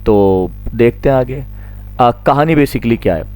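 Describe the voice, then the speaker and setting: A man's voice: mid-range voice, a little slow, a little mellow, soft background music. A man giving a classroom lecture that explains a poem. He is patient, repeats his points, and asks questions that he then answers himself. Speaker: teacher.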